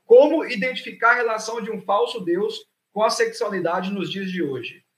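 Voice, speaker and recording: A man's voice: high voice, moderate pace, a bit bright. A man with a Brazilian accent hosting a casual chat and reading out questions in slangy, informal speech, recorded with a roomy echo.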